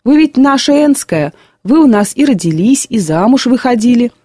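Woman voicing a calm, polite gentleman. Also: a little high, normal speed, no echo, clean studio sound, pitched above the performer's own voice. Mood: courteous. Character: polite middle-aged man, calm traveler.

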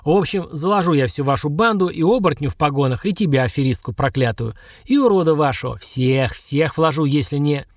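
A man's voice: a little high, animated, brisk, few pauses, no room sound, studio quality. A man voicing a drunken, hulking village woman who screeches hateful accusations. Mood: drunken screeching.

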